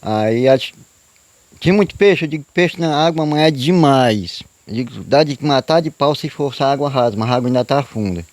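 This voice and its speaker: A storyteller guest with a mid-range, slightly mellow voice speaks briskly and with animation, with no room sound. Telling a true tale casually, he rambles and repeats himself in a folksy way, frequently saying "né?" and "eu digo".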